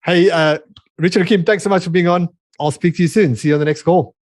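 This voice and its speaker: A man with a South African and Australian accent hosting a podcast interview in a relaxed, jokey way over a video call. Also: on the high side, quick pace, dry recording. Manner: jokey, relaxed, laughs easily. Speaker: podcast host. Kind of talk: casual interview chat.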